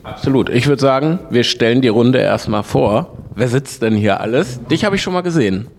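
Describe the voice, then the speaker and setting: A man's voice: mid-range voice, expressive, a little fast, vocal fry, a little mellow. A man hosting a podcast who chats upbeat and asks his guests questions. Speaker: podcast host. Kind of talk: casual interview chat. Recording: roomy recording with faint noise.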